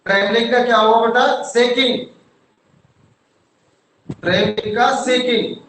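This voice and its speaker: Male teacher, high voice, slow dictation style, echoey room. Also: steady tone, fairly bright tone. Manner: slow, spells words letter by letter, calls students "beta". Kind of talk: online class lesson.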